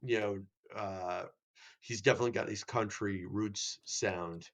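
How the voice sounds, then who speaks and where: A man's voice: fairly low pitch, fairly even intonation, unhurried, a bit bright. Rambling man musing in casual chat. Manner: rambling, lots of "you know" and restarts. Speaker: guest musician.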